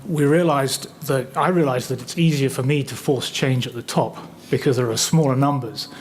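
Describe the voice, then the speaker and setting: Measured man explaining on a panel. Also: medium pitch, slight background noise. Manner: measured, explanatory, dry humor. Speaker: panelist, business executive. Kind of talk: panel discussion answer.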